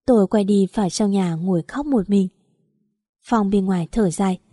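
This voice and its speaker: A woman narrating an audio story in a steady, even reading. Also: medium pitch, moderate pace, no echo, clean studio sound.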